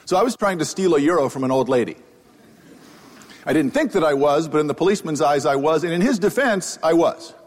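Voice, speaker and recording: A man's voice: fairly high pitch, animated, a little fast. A man giving a humorous public lecture as an economist, telling a self-deprecating story on stage with a microphone on. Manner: wry, self-deprecating anecdotal delivery. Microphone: wearing a microphone. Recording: live talk with long hall reverb.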